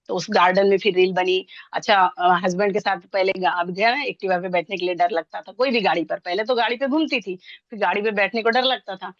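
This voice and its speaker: A woman in her sixties from India tells her own story in an excited, rambling way, talking fast and restarting her sentences often. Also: mid-range voice, no echo, lo-fi sound. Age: 60s. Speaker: interviewee sharing her story. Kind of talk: excited personal testimonial.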